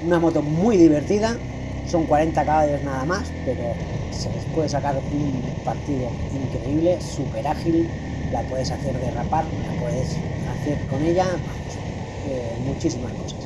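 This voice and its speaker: A man's voice: fairly high pitch, moderate pace, noisy background. A middle-aged man from Spain narrating his motorcycle channel in a casual, hesitant voice-over, full of fillers. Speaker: motovlogger. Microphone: voice-over recorded apart from the ride.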